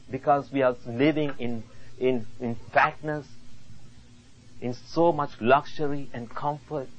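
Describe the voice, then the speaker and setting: A man preaching a sermon slowly and earnestly, rising into exhortations. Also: mid-range voice. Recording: dull lo-fi recording.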